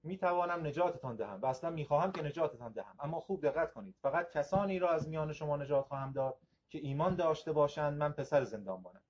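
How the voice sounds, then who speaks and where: A man reading aloud the lines of a prisoner who claims to be the jailer's son, in a measured, gentle way, on a slightly dull recording. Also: on the high side, animated, husky. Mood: calm.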